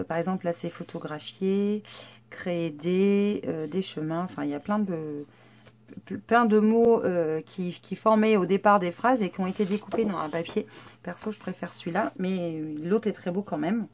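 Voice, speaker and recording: A woman's voice: on the low side, darkish tone. Chatty woman showing craft papers. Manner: chatty, hesitant with many fillers. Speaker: scrapbooking vlogger. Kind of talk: casual haul show-and-tell.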